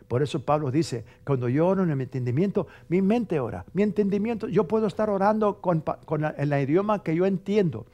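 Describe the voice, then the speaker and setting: A man preaching a television sermon as a pastor, emphatic and conversational, often checking in with his listeners and acting out prayer styles. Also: a little high. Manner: emphatic, conversational, with frequent rhetorical tags; mimics dramatic prayer voices loudly for effect.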